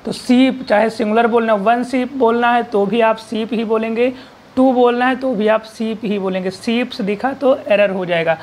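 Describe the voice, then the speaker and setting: A man's voice: very high voice, fairly even intonation, moderate pace. A man teaching an English grammar lesson, explaining patiently and checking in often.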